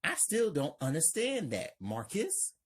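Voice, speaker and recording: A concerned neighbor woman asks careful questions and tries to calm a friend, as a woman reader plays her. The voice is pitched well above the reader's usual and slightly husky. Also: measured pace, heavily acted.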